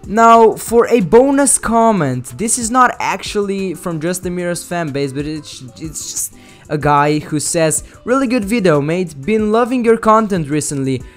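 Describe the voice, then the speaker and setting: A man's voice: sits high, clean tone. A young man hosting casual comedic commentary, joking crudely and rambling. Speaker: commentary YouTuber.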